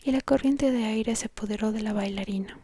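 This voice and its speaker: A woman reads a story aloud as whispered ASMR, in a soft, breathy whisper very close to the ear, slow and gentle. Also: a little high, no echo. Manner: slow, gentle, hushed reading. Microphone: very close to the mic, whispering into the ear.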